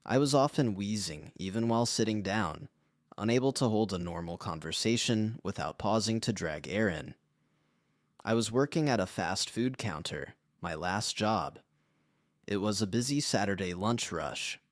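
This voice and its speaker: A man's voice: on the low side, animated, moderate pace, dry recording, clean studio sound. A man narrating a scripted first-person story in a somber, confessional way.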